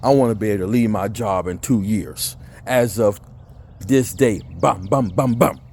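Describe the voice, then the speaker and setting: A man's voice: lowish voice, moderate pace, a little mellow, a little hiss or hum. A man in a blunt, preachy motivational rant, cursing and mimicking people who make excuses. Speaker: motivational vlogger.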